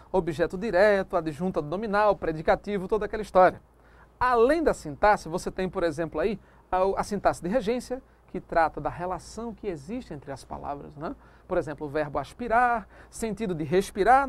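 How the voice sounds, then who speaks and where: A male teacher giving a recorded grammar lecture, lively and emphatic, dragging out example words and adding chatty asides to the viewer. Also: high voice.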